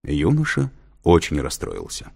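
Deep-voiced expressive male audiobook narrator. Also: a little slow, vocal fry. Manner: expressive storytelling.

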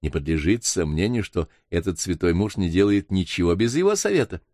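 A man reading aloud, voicing a curious, excitable young woman traveler with a raised voice in an audiobook. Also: low voice, fairly quick, no echo, studio quality. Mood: amused.

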